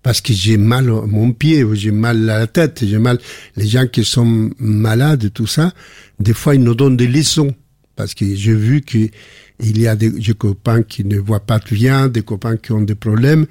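An older man with a foreign accent speaks in a husky voice. He tells anecdotes with many restarts and repeated words. The sound is close and dry. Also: fairly low pitch, unhurried, no room sound. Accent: foreign accent in French. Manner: warm anecdotal storytelling with frequent restarts. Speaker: guest. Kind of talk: casual conversation.

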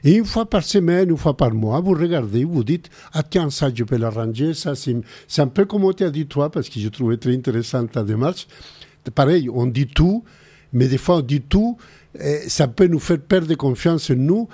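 A man's voice: on the high side, lively intonation, moderate pace, mellow, husky. Chilean-accented man hosting call-in radio. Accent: Chilean Spanish. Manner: earnest, giving practical advice. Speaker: radio show host.

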